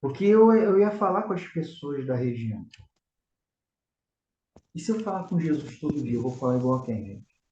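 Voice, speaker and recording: A man's voice: medium pitch, sing-song, moderate pace, long pauses, warm tone, slight background noise. Earnest Carioca man teaching faith. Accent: Carioca (Rio de Janeiro). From Rio de Janeiro, Brazil. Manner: earnest, exhorting, addresses listeners as brothers. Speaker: spiritual director teaching a prayer class. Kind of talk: religious lesson. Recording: echoey room, slightly dull sound.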